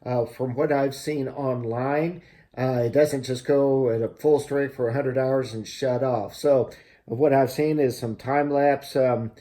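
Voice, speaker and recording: A man hosting a casual gear review, explaining things in a halting, measured way. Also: medium pitch, fairly even intonation, mellow. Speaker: host of a gear review channel. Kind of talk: casual product review to camera.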